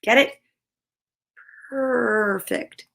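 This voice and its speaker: This woman hosts story time for children in a fairly high voice, speaking extremely slowly with vocal fry. She's upbeat, encouraging, gushing and animated, moving between reading aloud and chatty asides to viewers.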